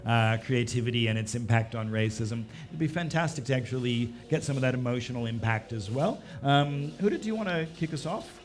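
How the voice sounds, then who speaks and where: A man's voice: mid-range voice, a little fast, few pauses. A man moderating a live festival panel, easygoing and conversational as he prompts the speakers. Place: festival stage before an audience.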